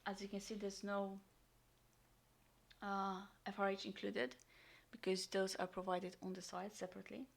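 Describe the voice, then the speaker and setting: A woman vlogger unboxing and reviewing a military ration in casual talk, full of ums and sometimes dropping into a soft whisper. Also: mid-range voice, little pitch movement, normal speed, creaky. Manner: chatty, frequent ums, drops into soft whispers. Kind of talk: casual unboxing and taste test.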